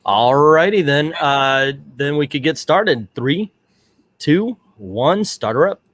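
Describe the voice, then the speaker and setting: A man's voice: on the high side, lively intonation, slow pace, fairly bright tone, dry recording. A man hosting a casual live movie watch-party commentary, rambling and chatty with lots of fillers. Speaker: host of a movie commentary show. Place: home, Central Florida.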